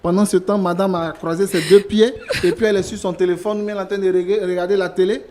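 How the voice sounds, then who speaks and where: A man's voice: high voice, level tone, fast talker, a little mellow, a little hiss or hum, natural voice. An actor playing a fed-up husband who wants to leave his wife, talking in an exasperated, insistent way. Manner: exasperated, insistent, repeats himself. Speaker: husband in a staged couple-counseling show.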